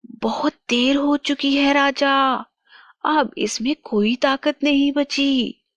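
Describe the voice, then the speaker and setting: Lady doing a sneering witch, slow and whispery, dull lo-fi sound. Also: sits high, fairly even intonation, fairly bright tone, no room sound, pitched above the performer's own voice. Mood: gloating. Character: wicked scheming female witch.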